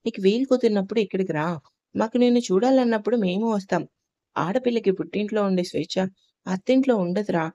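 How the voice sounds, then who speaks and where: A woman voicing a caring middle-aged mother who gently advises her daughter in an audio story. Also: medium pitch, fast talker, dry recording, muffled recording, close to an everyday voice. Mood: tender advice.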